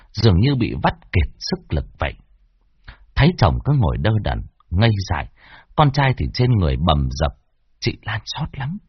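A man with a husky voice narrating a horror story, expressive with wide swings in pitch. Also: no room sound. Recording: dull lo-fi dry recording.

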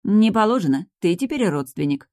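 A woman's voice: mid-range voice, expressive, darkish tone, no room sound, clean studio sound, pitched above the performer's own voice, lightly acted. A woman voicing a bossy, cheerful female friend who is a surgeon and teases and gives orders in an audiobook. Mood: brisk teasing. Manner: commanding, teasing, brisk.

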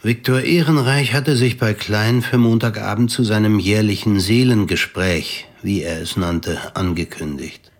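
A man with a fairly low voice narrates a literary radio drama. His scripted storytelling is measured and deliberate.

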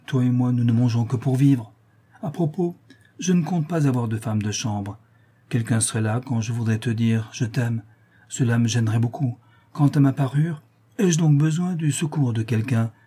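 A man voicing a young noblewoman in love, reading an audiobook of a classic novel with a soft, pleading delivery. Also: mid-range voice, normal speed, breathy edge, lightly acted. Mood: tender. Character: young noblewoman, tender and impassioned lover.

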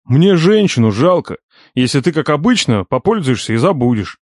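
A man's voice: medium pitch, big pitch swings, brisk, a little mellow, dry recording, studio quality, lightly acted. A man doing a nosy, needling old uncle. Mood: pressing. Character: probing teasing older uncle, shrewd, wry.

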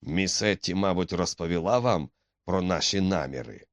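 Bullying young tough, low and curt, menacing, read by a male narrator, dry sound. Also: lively intonation, moderate pace, no room sound. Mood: cold. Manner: curt, threatening.

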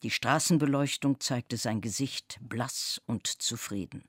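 A man giving a measured, expressive scripted literary reading. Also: mid-range voice, slightly rough, dry recording, clean studio sound. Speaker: reader.

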